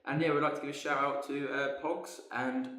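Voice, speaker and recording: A man's voice: on the high side, little pitch movement, a little fast, over a noisy crowd. A man co-hosting a casual gaming podcast, playful and laughing as he jokes along. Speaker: podcast co-host. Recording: very echoey room.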